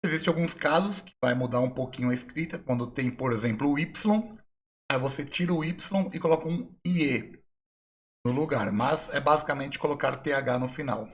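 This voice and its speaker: A young adult man with a Brazilian Portuguese accent, teaching an online English lesson and explaining slowly and patiently with repeated examples. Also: mid-range voice, slight background noise.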